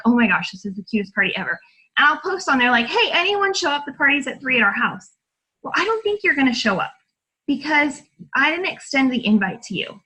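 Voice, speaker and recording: A bright, slightly husky woman in her thirties talking like a fitness coach on a casual call. She is chatty and encouraging, with a fairly high voice and lots of fillers. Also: low-quality recording.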